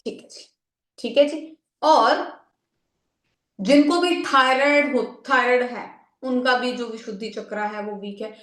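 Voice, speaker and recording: A woman's voice: fairly high pitch, unhurried, a bit bright, roomy sound. A woman giving a live spiritual healing lesson in a conversational way. She mixes in English words, keeps checking in with her listeners and acts out the people she quotes. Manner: frequent "theek hai ji" check-ins. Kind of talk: live spiritual teaching talk.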